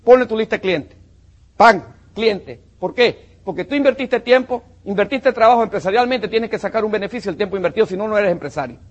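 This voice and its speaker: A man from Panama gives a punchy, emphatic motivational business talk to a live audience, calling his listeners "campeón" and "mi hermano" (champion and brother). His voice is high and brisk, and the audio sounds dull.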